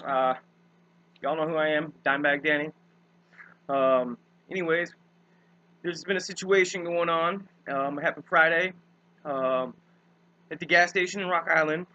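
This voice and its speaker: A man's voice: a little high, fairly even intonation, a little slow, long pauses, bright, forceful tone, muffled recording. A young man, rambling casually with many fillers and swear words as he tells his side of a dispute.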